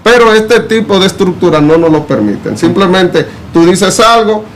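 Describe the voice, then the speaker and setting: Measured man talking politics. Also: sits high, animated, slight background noise. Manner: measured, explanatory, uses fillers like "eh" and "vamos a decir". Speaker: political commentator. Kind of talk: casual debate discussion.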